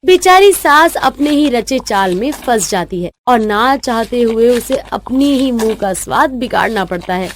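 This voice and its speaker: A woman narrating a cartoon family story in an expressive storytelling manner. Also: a little high, a little slow, few pauses.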